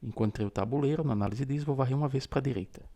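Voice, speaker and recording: A man's voice: mid-range voice, very fast, warm tone. A man hosting a step-by-step tutorial on using a phone screen reader, patiently explaining each gesture aloud. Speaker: tutorial host.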